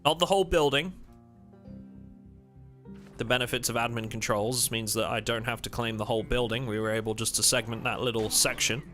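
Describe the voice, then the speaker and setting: A man's voice: mid-range voice, brisk, sharp tone, soft background music. A man streaming a game live, talking casually and rambling to his chat as he plays.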